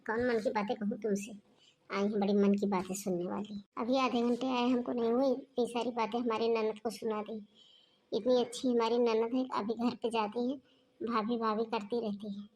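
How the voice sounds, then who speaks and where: A woman's voice: on the high side, little pitch movement, normal speed, a little mellow, a little hiss or hum, lightly acted. A woman voicing an indignant young woman who mutters asides about her sister-in-law's harsh mother-in-law in a cartoon. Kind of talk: cartoon dubbing.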